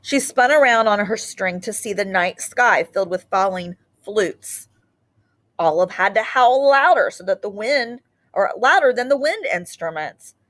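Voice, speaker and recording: A woman with a medium-pitched voice performs a children's picture book as a storyteller. She reads with animation, drawing out important words for emphasis.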